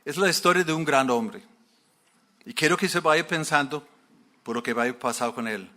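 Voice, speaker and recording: A man preaching and retelling a story in a lively way. His voice is bright and forceful and sits somewhat high, and he keeps turning to the listeners with questions. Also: normal speed.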